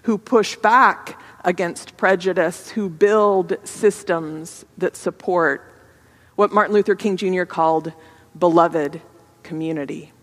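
A woman's voice: fairly low pitch, takes it slowly, in a large hall. A woman pastor giving a sermon in a reflective, conversational way, in a church sanctuary.

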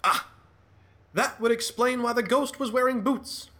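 A man's voice: very high-pitched, unhurried, bright, forceful tone, heavily acted. A man playing a cowardly, pompous, scatterbrained detective in an old-style radio drama, fussy and theatrical. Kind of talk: 1940s radio acting.

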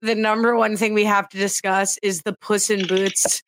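A woman's voice: medium pitch, little pitch movement, moderate pace, a bit bright, no echo. Woman, podcast co-host, chatty teasing tone, dry close sound. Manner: chatty, teasing, laughs often. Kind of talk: casual podcast chat.

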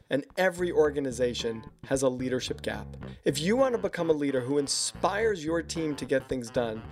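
A male podcast host closing an interview and reading a scripted outro. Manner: friendly, then smooth read-out pitch.

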